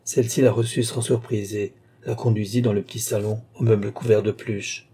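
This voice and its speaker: A man narrating a literary novel as an audiobook, in a measured, even storytelling manner. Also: fairly low pitch, breathy edge.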